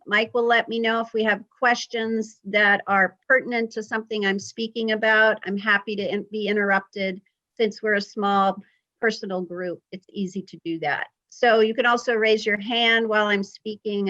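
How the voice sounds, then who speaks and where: A woman's voice: medium pitch, bright, forceful tone, dull audio. A woman in her fifties, a health emergency preparedness specialist, giving a friendly, informal talk on a video call with frequent ums and uhs. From Vermont. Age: 50s.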